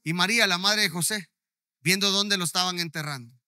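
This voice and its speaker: A man's voice: high voice, a little fast, pushed and bright, no echo, studio quality. A male pastor preaching a sermon, emphatic and often checking in with his listeners.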